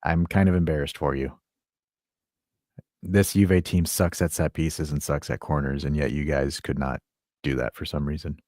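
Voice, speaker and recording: Co-host: low-pitched man, profane and exasperated, dry close sound. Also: fairly even intonation, normal speed, darkish tone, dry recording. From United States. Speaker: podcast co-host. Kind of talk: casual sports chat.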